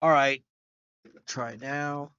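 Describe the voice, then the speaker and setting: A man's voice: medium pitch, extremely slow, clean tone, no echo, dull audio. A man hosting a casual gaming live stream, talking loosely and swearing at the games as he plays. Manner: loud excited outbursts, cursing. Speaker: streamer host.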